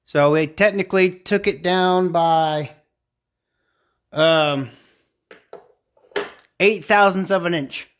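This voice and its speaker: Man, woodturner, casual live-stream chat, answers viewer comments, slightly high-pitched. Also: takes it slowly, pauses often, a little hiss or hum. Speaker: woodturner streaming a pen turning.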